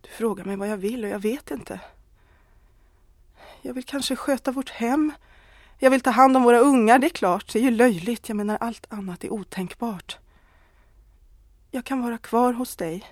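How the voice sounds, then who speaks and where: A woman's voice: a little high, long pauses, no echo, natural voice. A woman voicing a married woman who confesses a love affair, earnest and pleading, close to tears. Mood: torn.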